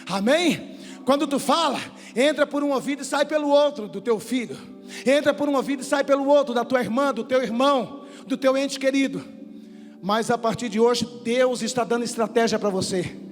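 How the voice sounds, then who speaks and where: A man's voice: very high voice, moderate pace, big-room sound, faint music behind. A male pastor preaching a sermon in a church, fervent and repeating his phrases with cries of praise.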